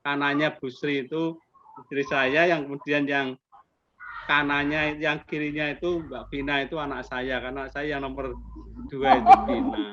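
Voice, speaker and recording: A chatty man with a Javanese accent, working as an accreditation assessor, interviews teachers on a video call in a friendly way, sprinkling in Javanese politeness words. His fairly high, sharp voice has fairly even intonation and a moderate pace. The call audio is muffled and noisy.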